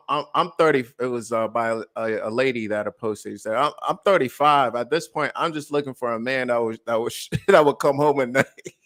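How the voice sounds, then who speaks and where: A man in his late twenties co-hosting a podcast with a mid-range voice. He talks in a loose, joking way, tripping over his words and laughing as he goes. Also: mid-range voice. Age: late 20s. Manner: animated and joking, stammers and restarts, laughs often. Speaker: podcast co-host. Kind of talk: casual chat.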